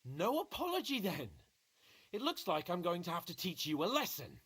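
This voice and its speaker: Hans Capon, pompous young noble. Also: male voice, high voice, wildly swooping pitch, moderate pace, fairly bright tone, slightly rough, full character voice. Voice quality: pompous, indignant. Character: haughty young nobleman, pompous and easily offended. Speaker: video game character.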